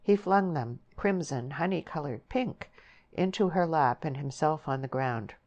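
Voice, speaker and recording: A woman reading a novel aloud as an audiobook narrator, in a measured, even way. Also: low-pitched, highs cut off. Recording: steady background hiss.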